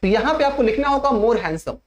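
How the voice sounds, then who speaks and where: A woman teaching an English grammar lesson in an exam coaching class. She steps through each point slowly and keeps asking the class rhetorical questions. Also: on the high side, expressive, muffled recording. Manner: slow and repetitive, spelling out each step.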